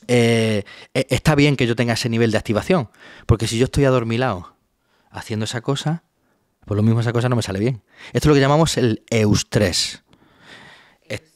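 A man's voice: medium pitch, no room sound. Guy psychologist explaining stuff in a webinar, keeps checking in, dry close sound. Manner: explains patiently, often checks in with ¿vale?. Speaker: psychologist guest.

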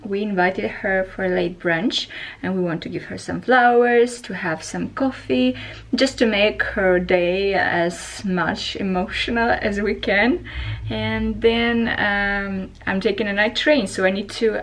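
A young woman with a Russian accent talks to her vlog audience at an unhurried, slow pace. Her pitch sits in the middle for a woman. She is a native Russian speaker, chatting casually about her day. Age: 20s. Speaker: vlogger. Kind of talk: casual vlog talk to camera.

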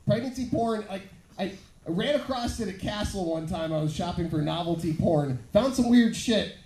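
A man's voice: high voice, animated, moderate pace, a little mellow. A man in his thirties doing conversational, profane stand-up with leering, smutty joking, on a handheld microphone at a small bar. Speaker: stand-up comedian. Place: small bar or club stage at night. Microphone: handheld stage microphone through PA, filmed from the audience. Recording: echoey room recording with audience noise.

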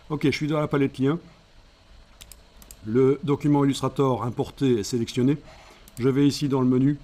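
Man teaching software, mellow voice. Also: mid-range voice. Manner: explains step by step, thinking aloud with fillers. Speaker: software instructor. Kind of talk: screen-recorded software tutorial.

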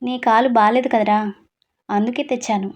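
A woman voicing a gentle, caring older mother-in-law who soothes the family in a read-aloud story. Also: a little high, fairly even intonation, moderate pace, lightly acted.

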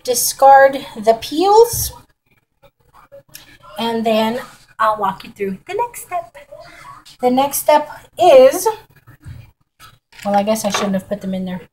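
Chatting folksily while she shows a recipe in her home kitchen, a middle-aged cooking vlogger is captured by a camera placed nearby on the counter. Her slightly mellow voice is on the high side and very animated, yet her pace is slow with long pauses, and the audio quality is poor.

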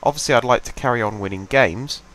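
Suffering a head cold, a congested young gaming channel host rambles and thinks aloud while casually commentating his own game at a home desk mic. He talks fast in a medium-pitched, fairly bright voice, with soft music playing in the background.

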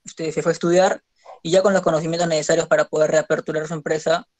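A man summarizing a presentation as a student presenter. He speaks quickly and almost without melody. The sound is dry, with no room echo. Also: on the high side, flat delivery, darkish tone.

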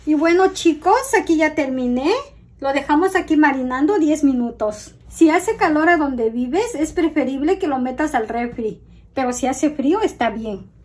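A middle-aged woman from Mexico with a Mexican accent hosts a home cooking tutorial. Her voice sits high, and she chats frankly and casually with her audience, calling them friends. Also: expressive, moderate pace, a little mellow. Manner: chatty, frank, addresses viewers as friends. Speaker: cooking channel host.

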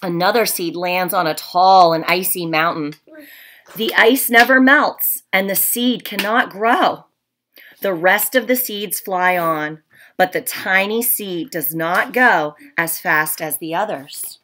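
Her voice is lowish and her pace slow as she reads a picture book aloud to young children. She is a teacher in her thirties, reading gently and expressively in a home room, captured by a laptop webcam.

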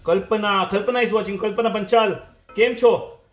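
A man in his thirties with an Indian accent hosts a casual cooking livestream. His voice sits a little high, and he repeats short phrases as he chats to viewers. The room around him is clearly echoey. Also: fairly even intonation, a little fast, fairly bright tone, soft background music. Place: home kitchen, indoors. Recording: echoey room, phone mic.

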